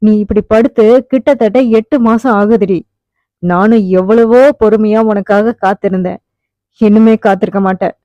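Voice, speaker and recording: A woman's voice: medium pitch, steady tone, normal speed, no echo, lightly acted. A woman voicing an anguished young husband who pleads at a hospital bedside and turns fierce when angered, on a dull, dry recording. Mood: pleading. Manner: pleading then commanding. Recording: dull, muffled audiobook recording.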